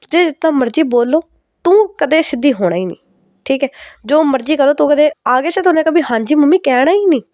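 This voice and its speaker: A woman's voice: high-pitched, lively intonation, darkish tone, no room sound, voice pushed up. Scolding Punjabi mum, lecturing and raised, put on by a woman storyteller. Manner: scolding, lecturing, rapid-fire complaints. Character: scolding middle-aged Punjabi mother.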